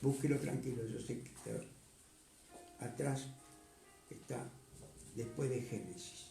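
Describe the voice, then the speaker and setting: A man, a pastor preaching a sermon, reading scripture slowly and then urging his congregation with rising force. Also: mid-range voice, mellow, echoey room, soft background music.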